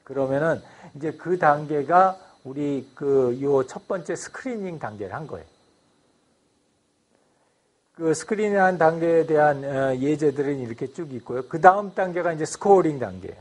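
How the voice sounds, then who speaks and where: A man's voice: fairly high pitch, animated, moderate pace. A man giving a university lecture, explaining a design process step by step, with frequent fillers and English loanwords.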